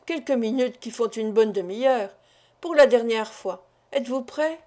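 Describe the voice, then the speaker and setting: A woman reading aloud voices a brisk, determined young male forester, speaking curtly, in an audiobook. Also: fairly high pitch, dark tone, natural voice. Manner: curt and determined.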